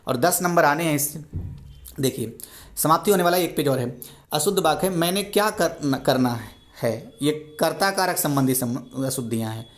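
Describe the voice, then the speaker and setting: A man's voice: fairly high pitch, lively intonation, moderate pace. A man teaching Hindi grammar for an exam, reading wrong sentences and explaining the correct forms, often repeating himself and correcting his own slips.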